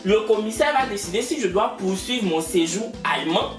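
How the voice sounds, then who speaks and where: A young woman telling a funny story with animated, acted-out dialogue. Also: medium pitch, moderate pace, far from the mic. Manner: lively, acts out dialogue, laughs mid-story. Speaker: vlogger. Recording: roomy echo, off-mic, faint music.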